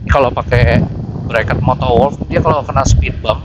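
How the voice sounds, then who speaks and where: A motorcycle vlogger with a Jakarta Indonesian accent chats slangily to his viewers while riding through city streets, thinking out loud. His mid-range voice moves a little fast, and the highs are cut off. It's picked up by an intercom mic a finger's width from his mouth inside the helmet, so traffic and engine noise come through clearly.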